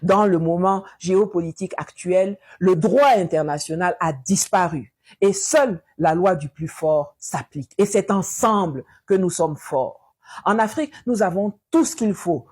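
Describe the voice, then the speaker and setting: A woman's voice: fairly low pitch, darkish tone, slightly rough. A woman delivering an impassioned political address, insistent and rhetorical, repeating phrases for effect.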